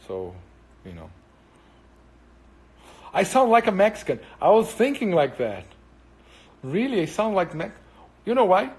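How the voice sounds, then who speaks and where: Answering viewers loosely during a live stream, this Brazilian man speaks English with a Brazilian Portuguese accent; Portuguese is his first language. His high voice swoops wildly in pitch, and he rambles and hesitates, filling gaps with plenty of fillers.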